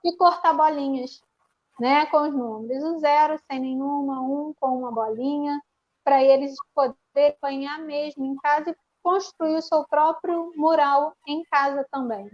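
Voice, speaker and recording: A woman's voice: high-pitched, steady tone, unhurried, muffled recording. A woman teacher with a Brazilian Portuguese accent explains a classroom activity over a video call, with many restarts and fillers. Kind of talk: online panel presentation. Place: home.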